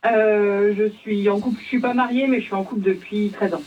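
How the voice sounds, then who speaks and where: A woman's voice: mid-range voice, steady tone, brisk, highs cut off, slight background noise. Cheerful woman caller with a smiling voice. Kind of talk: casual phone-in chat.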